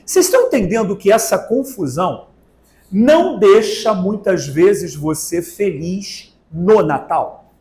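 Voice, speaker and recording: Brazilian man, high lively voice, slow emphatic lecture, echoey hall. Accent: Brazilian Portuguese. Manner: rhetorical questions, animated, draws out words for emphasis. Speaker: spiritist lecturer. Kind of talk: spiritist talk to a live audience. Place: spiritist center meeting hall.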